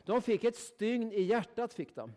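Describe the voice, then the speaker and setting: A man preaching with a noticeably high voice. He talks in a folksy, emphatic way, driving his points home and checking in with the listeners with a quick "right?" at the end of his sentences. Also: animated, darkish tone. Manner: folksy, emphatic, keeps asking "va?". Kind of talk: sermon.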